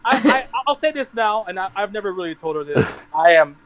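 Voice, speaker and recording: A young man hosting a casual group podcast, rambling through heartfelt shout-outs with restarts and laughs. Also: high voice, expressive, brisk, over a noisy crowd. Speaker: podcast host.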